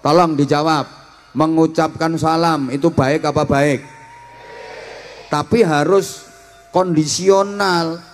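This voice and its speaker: A man's voice: on the high side, steady tone, slow, long pauses. A man with a Javanese accent preaching a humorous sermon to students, playfully acting out different ways of greeting.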